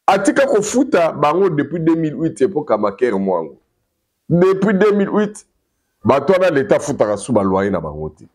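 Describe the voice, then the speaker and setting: A man with a Congolese accent giving animated political news commentary, emphatic and repeating his key phrases for weight. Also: on the high side. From Democratic Republic of the Congo. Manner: emphatic, repeats key phrases, mixes two languages freely.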